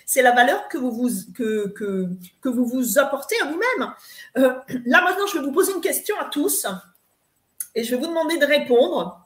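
High-voiced woman coach in echoey room. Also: lively intonation, moderate pace. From eastern France. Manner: emphatic, lecturing, with many fillers and restarts. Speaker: spiritual coach guest. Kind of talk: live advice talk. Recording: roomy echo.

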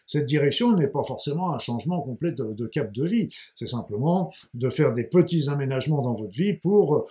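A man's voice: medium pitch, animated, normal speed, few pauses, mellow. A man leading a meditation session, explaining informally in improvised phrasing, often correcting himself. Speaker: guided meditation leader. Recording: dull lo-fi sound with music behind.

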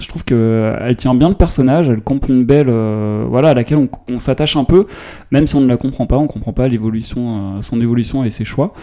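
A man co-hosting a casual film review chat, blunt and opinionated, often pausing with fillers. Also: mid-range voice, warm tone. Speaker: film podcast co-host.

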